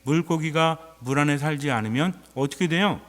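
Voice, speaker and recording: A man preaches in a slightly higher-than-usual register, keeping his sermon chatty and turning often to ask the congregation questions. His voice rings out with the long reverb of a church. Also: moderate pace. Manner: conversational preaching, quizzing the congregation.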